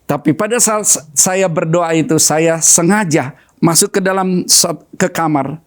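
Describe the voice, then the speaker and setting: A middle-aged male pastor preaching a sermon, telling a personal story with animated, swinging delivery. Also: a little high, unhurried.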